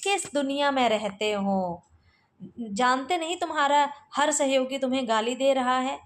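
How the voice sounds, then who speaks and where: Cynical middle-aged male colleague, blunt and mocking, read by a woman in a fairly high voice. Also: a little slow. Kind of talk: reading a play aloud for exam study.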